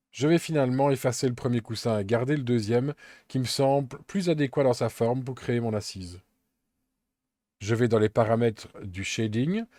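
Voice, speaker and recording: Calm man narrating a software tutorial. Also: mid-range voice, dry recording, studio quality. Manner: calm, methodical step-by-step explaining with occasional fillers. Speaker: Blender tutorial instructor.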